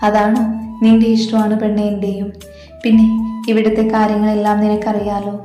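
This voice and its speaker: A patient young husband talks softly and tenderly to his wife, read out by a woman narrator. The tone is mellow and even, with roomy echo and faint music behind. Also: mid-range voice, moderate pace, natural voice. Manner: soothing, tender.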